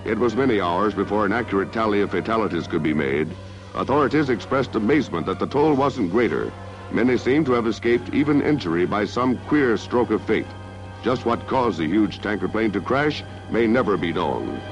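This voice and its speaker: Heard on a film soundtrack with music, a man with a lowish, expressive voice narrates a 1960s newsreel slightly quickly. His manner is declamatory and stately, and the audio is dull and lo-fi.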